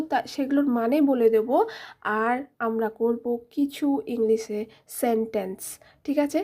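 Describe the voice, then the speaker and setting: A woman, a teacher hosting a children's English lesson. She speaks directly to the kids in a friendly way, spelling words letter by letter and repeating them slowly. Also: high-pitched, dark tone, husky. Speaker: teacher and channel host.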